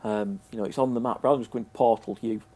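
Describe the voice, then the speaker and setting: A man's voice: medium pitch, fairly even intonation, fast talker, warm tone. A British man with a sniffly, congested cold, giving a casual, hesitant, unscripted review as a presenter. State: has a cold. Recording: noticeable background noise.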